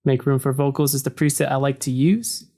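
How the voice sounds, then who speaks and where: Brisk but relaxed, a deep-voiced man explains an audio-editing process in a conversational screen-recording walkthrough, often using "so" and "uh". He's working as a tutorial narrator from his desk in an untreated home room, with a desk mic turned toward the computer screen.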